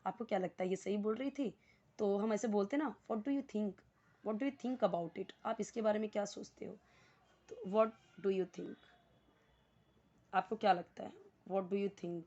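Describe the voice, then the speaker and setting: Casting: Indian woman, English tutor, patient, drills phrases slowly, slightly dull recording. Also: medium pitch, dark tone. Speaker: English teacher. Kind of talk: spoken English lesson in Hindi.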